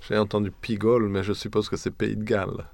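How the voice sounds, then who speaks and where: A woman's voice: rumbling low, flat delivery, a little fast, creaky, darkish tone, slight background noise. A woman interviewing someone in a conversational way. She asks probing follow-up questions and keeps saying "mhm.".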